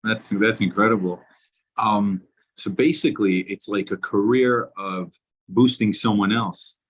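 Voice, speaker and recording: A man with a fairly low voice interviews casually on a video call. He is from New York and speaks in a loose, halting way, rewording his thoughts as he goes. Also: steady tone, low-quality recording. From Brooklyn, New York. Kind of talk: casual chat.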